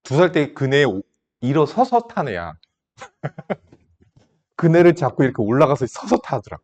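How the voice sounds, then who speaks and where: A man's voice: on the high side, big pitch swings, a little slow, darkish tone. A man in his thirties teaching math to a class, chatting casually and teasing his students between problems. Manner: casual, teasing, talks down to students like a big brother. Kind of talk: classroom lecture with side stories.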